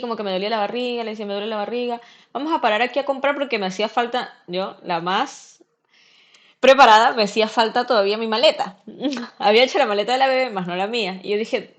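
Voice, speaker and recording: Young woman guest chatting casually, kinda high voice, acts out all the voices in her story. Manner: lively, acts out the dialogue of others. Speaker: podcast guest, first-time mother.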